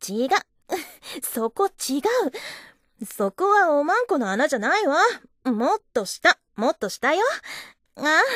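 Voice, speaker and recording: A coy, teasing young office wife, acted by a woman in an adult audio drama. Her voice sits high and swoops up and down constantly. The sound is dry and close. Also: a bit bright, no echo, heavily acted. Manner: teasing and coy, giggling often. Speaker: voice actress.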